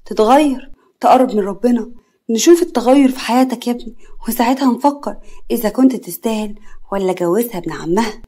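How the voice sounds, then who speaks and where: A woman storyteller voicing a sharp-tongued but loving older Egyptian mother who talks loudly and scolds. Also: fairly high pitch, fast, breathy edge. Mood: indignant. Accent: Egyptian Arabic. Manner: loud, scolding, exasperated.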